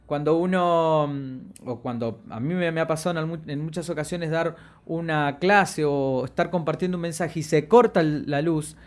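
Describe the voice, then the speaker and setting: A voice and media instructor lectures on voice projection, deliberately varying his pitch and loudness. He's expressive and draws out key words for emphasis.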